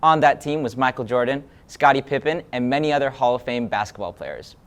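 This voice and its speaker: A man's voice: mid-range voice, brisk, smooth. A young man hosting a student sports news show, reading his script in an upbeat, playful anchor manner.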